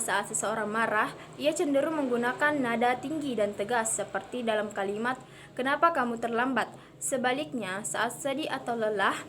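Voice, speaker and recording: Young woman, lesson reading, slightly high voice, hesitant fillers. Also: a little hiss or hum. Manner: reads steadily with frequent "eh" fillers and restarts. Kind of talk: read-aloud lesson explanation.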